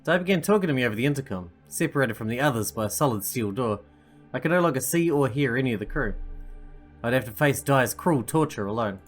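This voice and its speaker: A woman's voice: rumbling low, lively intonation, fast talker, faint music behind. A woman doing a let's play, reading game narration aloud and adding casual commentary.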